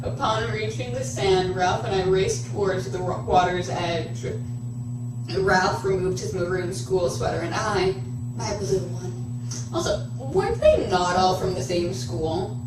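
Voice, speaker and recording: A woman's voice: lowish voice, lively intonation, measured pace, background noise. Playful theatrical young woman reading aloud. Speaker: co-host reading fan fiction. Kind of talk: casual reading aloud with comic asides. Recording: echoey room, distant mic.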